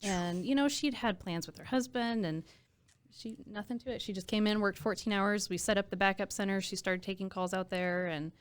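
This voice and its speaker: Fairly quick and clear, with a resonant tone and a mid-range voice, an American woman speaks casually and earnestly with admiration. She is an emergency dispatch supervisor and trainer being interviewed as a podcast guest.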